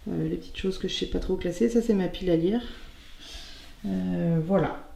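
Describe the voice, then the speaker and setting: A young woman vlogging in casual chat at home while arranging her bookshelf, chatty and slangy, meandering with many pauses. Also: lowish voice, creaky, mellow. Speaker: book vlogger. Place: her apartment, next to a bookshelf.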